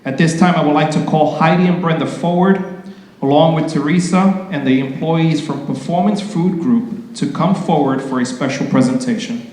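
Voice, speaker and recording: A man's voice: fairly high pitch, normal speed, a little mellow. A man emceeing a community ceremony, reading award citations formally and adding loose, casual asides. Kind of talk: public ceremony speech. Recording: very echoey hall with long reverb.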